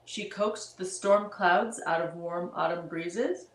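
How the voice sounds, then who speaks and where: Lady reading a rhyming kids book, slow, mid pitch, echoey room. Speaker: storybook reader. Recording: roomy echo.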